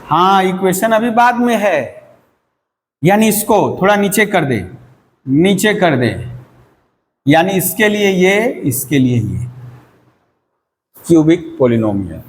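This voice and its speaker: A man's voice: high voice, very animated, slow pace, long pauses, big-room sound, a little hiss or hum. A man teaching a maths lesson to students, asking them questions and answering them himself.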